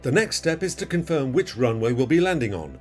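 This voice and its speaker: A man delivers scripted explanatory narration in an instructive way. His medium-pitched voice moves up and down in a lively, animated way. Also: a little fast, faint music behind. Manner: instructive, quizzing the viewer. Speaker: flight video narrator.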